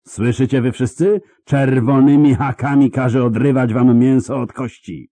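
A man's voice: low voice, big pitch swings, slow, dark tone, dry recording, voice pushed up, exaggerated voice. A man voicing a menacing imperial coroner in an audiobook reading, drawling, venomous and threatening.

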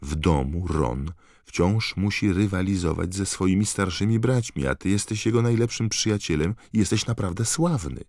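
A man's voice: low voice, moderate pace, hardly any pauses, a little mellow, dry recording, clean studio sound, pitched above the performer's own voice. A man voicing a clever, earnest teenage schoolgirl witch who explains things patiently and insistently.

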